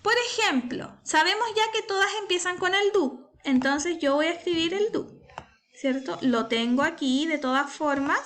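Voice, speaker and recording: A woman with a very high, fairly bright voice teaches an online English lesson for primary school at a moderate pace. Patient and methodical, she goes step by step, often checking in with "¿cierto?" and "¿ya?".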